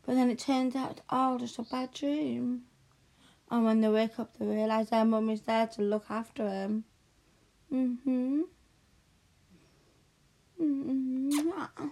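A woman talks in a hushed, unhurried ASMR roleplay, calming and tender. Her voice is mellow and gravelly with fry at the edges. She often sinks into whispers. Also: a little high. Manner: soft, soothing, slow and hushed, often drifting into whispers.

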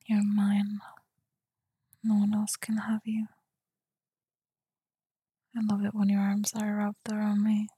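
A woman whispering softly in a tender, soothing ASMR roleplay, speaking close to the mic. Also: mid-range voice, monotone, no echo. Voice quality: breathy whisper. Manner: soft, tender and soothing, slow murmurs. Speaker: girlfriend roleplayer.

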